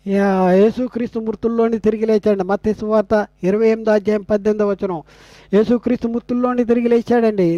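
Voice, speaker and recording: Indian male preacher, very high voice, close dry sound, keeps asking the listeners rhetorical questions. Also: darkish tone, no echo. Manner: rhetorical questioning, repeats phrases for emphasis. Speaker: Bible teacher. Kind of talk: sermon.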